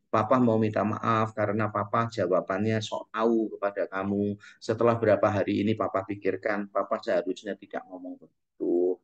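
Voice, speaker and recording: A man's voice: mid-range voice, dull audio. Middle-aged man as a webinar speaker, playful storyteller. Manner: jokey storytelling, acts out quoted parents and kids. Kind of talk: humorous parenting talk.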